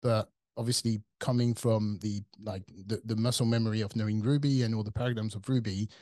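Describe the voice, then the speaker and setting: Clean studio audio without room sound carries a fairly low, mellow voice with fairly even intonation and a fairly quick pace. The speaker is a French-accented tech CTO in his forties from France, a casual interview guest who thinks aloud with fillers and restarts.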